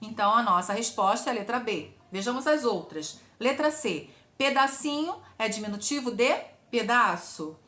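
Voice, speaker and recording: Brazilian woman, grammar teacher, somewhat high, bright voice, didactic, echoey room. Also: animated, normal speed, hardly any pauses. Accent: Brazilian Portuguese. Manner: didactic, asks and answers her own questions. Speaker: Portuguese teacher. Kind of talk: exam-prep grammar lesson.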